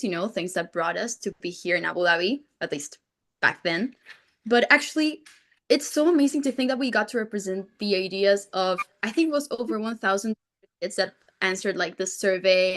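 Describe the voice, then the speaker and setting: A woman's voice: medium pitch, a bit bright. A young woman from Argentina, a youth delegate, speaking enthusiastically and chattily over a video call. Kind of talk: online presentation.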